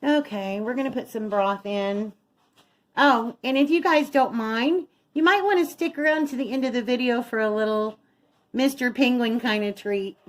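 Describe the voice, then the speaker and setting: A middle-aged woman with a voice on the high side talks at normal speed as a vlog host, chatting casually and narrating each step of her home cooking in her kitchen at home.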